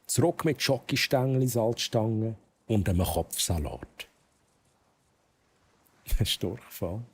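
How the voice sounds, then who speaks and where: A man's voice: mid-range voice, a little mellow, slightly rough. A man with a Swiss German accent streaming a game, chatting casually with viewers, laughing often and reading the game's text aloud. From Switzerland. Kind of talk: casual gameplay commentary.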